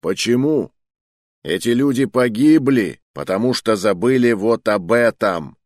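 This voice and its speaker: A man's voice: medium pitch, animated, measured pace, darkish tone, no room sound, studio quality, voice pushed up, lightly acted. A man voicing a thundering adult male mentor who gives a grand, declamatory speech to young trainees in an audiobook. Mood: declaiming.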